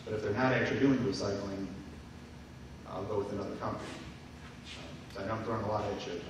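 A man's voice: fairly low pitch, fairly even intonation, fast. A middle-aged man asking a question at a town hall in an earnest, rambling way with many fillers. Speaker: audience member asking a question. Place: large community hall, indoors. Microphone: standing mic, heard from far off. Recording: echoey hall from far off, noisy.

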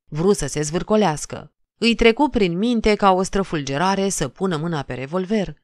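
Woman narrator, lowish voice, dry close recording, measured dramatic literary reading. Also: no room sound. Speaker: audiobook narrator.

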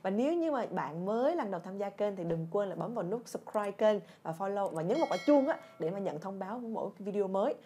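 A young woman teaching fruit names in a lively video lesson, drilling words by repetition and revealing each with a playful cry. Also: mid-range voice, fast talker, hardly any pauses, a little hiss or hum. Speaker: English teacher, channel founder.

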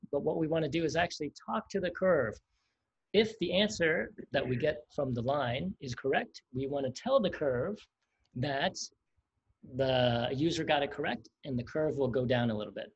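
Husky man explaining code. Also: fairly high pitch. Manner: chatty, explanatory, laughs often. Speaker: coding instructor. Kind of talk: livestreamed coding lesson. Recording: dull lo-fi stream audio.

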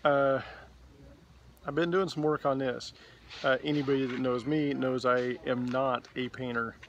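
A man's voice: medium pitch, measured pace, highs cut off, a little hiss or hum. Easygoing man filming himself outdoors. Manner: relaxed, rambling with fillers. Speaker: vlogger. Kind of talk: casual video diary. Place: outdoors in a boatyard. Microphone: phone camera at arm's length.

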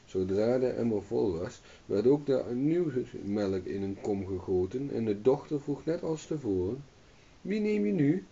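A man reading a fairy tale aloud as a storyteller, in calm steady narration, on a dull distant recording. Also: mid-range voice, unhurried, few pauses.

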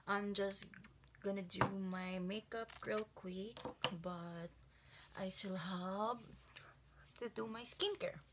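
A woman's voice: medium pitch, steady tone, slow. A young woman with a Filipino accent chatting casually to her phone camera in a vlog, first in her bedroom and then in a car. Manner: chatty, laughing, trailing fillers. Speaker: vlogger. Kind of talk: casual vlog chat mixing Tagalog and English. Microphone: phone camera at arm's length. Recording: loud background noise.

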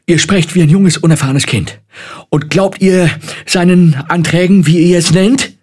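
A fussy, stern old royal adviser scolds his daughter in a high, loud, strained voice, as a male storybook narrator puts him on. The tone is husky and agitated, pushed well above his own register. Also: moderate pace.

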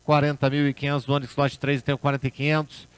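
A man's voice: medium pitch, completely flat delivery, quick pace, smooth. A man working as an auctioneer, calling bids at a car auction in a repetitive chant.

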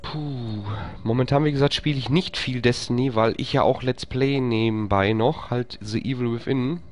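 With a little hiss or hum in the background, a man speaks at a moderate pace while streaming a horror game live. His let's play commentary includes chatting with viewers, whispering while sneaking, and panicked high-pitched screaming and swearing under attack.

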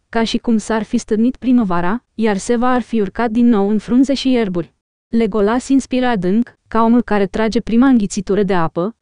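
A woman narrates an audiobook in a measured, even reading. Her voice is smooth and mellow and sits fairly high. The recording is close and dry, with no room sound. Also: no room sound. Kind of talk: scripted narration.

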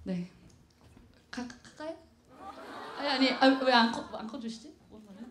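A woman's voice: high-pitched, lively intonation, moderate pace. A woman who just sang on stage, humbly thanking the audience. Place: concert hall stage before an audience. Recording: echoey concert hall with loud music.

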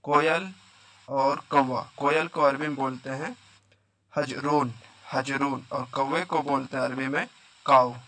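A man's voice: medium pitch, fairly even intonation, measured pace, pushed and bright. A man teaching a vocabulary lesson, repeating each word and quizzing the listener. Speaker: Arabic teacher.

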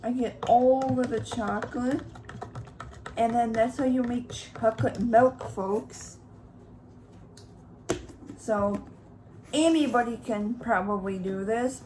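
A woman's voice: a little high, noisy background. A young woman in a casual mukbang vlog, chatting and rambling to her viewers while she makes chocolate milk and cuts pizza at home. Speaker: YouTuber. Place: room at home. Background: faint TV in the background.

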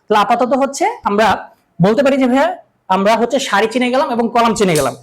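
A man's voice: very high-pitched, quick pace, poor audio. A man teaching a math lecture, asking questions and answering them himself, and repeating key terms over and over.

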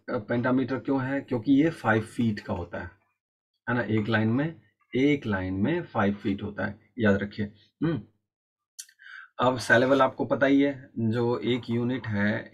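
A man's voice: lowish voice, highs cut off. A man teaching an online exam-prep lecture, explaining patiently and repeating key points while mixing Hindi and English.

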